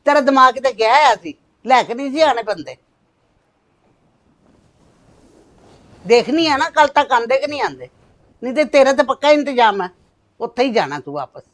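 A woman's voice: sits high, very animated, quick pace, fairly bright tone, poor audio. A woman playing a harsh middle-aged mother-in-law who scolds and threatens her daughter-in-law. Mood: scornful. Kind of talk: family drama acting.

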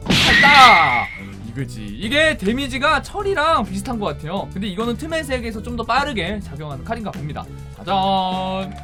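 A gaming creator giving let's-play commentary, excitable, yelping and shouting when startled and talking straight to viewers. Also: medium pitch, quick pace, few pauses, over music.

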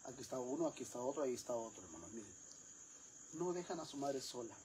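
A man's voice: mid-range voice, expressive, quick pace, dark tone, slight background noise, natural voice. A man with a Mexican accent playing a brash, foul-mouthed middle-aged woman who gossips with her viewers in a comic vlog. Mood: gossipy. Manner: crude, gossipy, addresses viewers as sisters.

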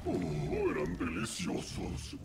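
A man voicing a manic, gleefully villainous two-headed candy-eating giant in a cartoon, flipping between shrill and deep voices. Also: wildly swooping pitch, slow pace, vocal fry, over loud music, heavily acted. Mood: gleeful menace.

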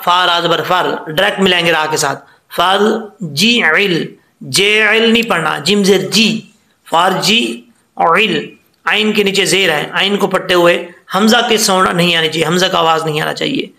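A man's voice: high-pitched, vocal fry, sharp tone, roomy sound. A man teaching Quran recitation rules, patiently explaining each letter and drawing out the example words to demonstrate them. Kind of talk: tajweed lesson.

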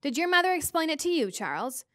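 A patient, reassuring ancient star being with a soft, kindly way of explaining things, as a woman reads her. The voice sits fairly high and sounds close and dry. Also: big pitch swings, fast, no echo. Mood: gentle.

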